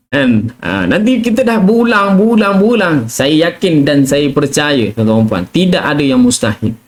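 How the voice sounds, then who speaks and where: With a fairly high-pitched voice and a Malaysian Malay accent, a middle-aged man teaches Quran recitation in a relaxed live tajwid session. His talk is chatty and full of "kan?" and "ah," and he occasionally shows how letters sound by whispering them or reciting them in a chant.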